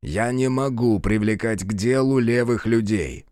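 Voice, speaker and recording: A man voicing a gruff, short-tempered male general in his seventies who speaks slowly and barks orders in an audiobook. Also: medium pitch, a little mellow, dry recording, clean studio sound, natural voice. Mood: stern. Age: 70s. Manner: slow, clipped, barking orders.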